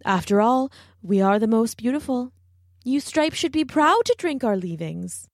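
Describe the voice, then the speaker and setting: A woman's voice: on the high side, expressive, normal speed, no echo, clean studio sound. A woman voicing a vain female giraffe in a storybook, condescending and falsely soothing.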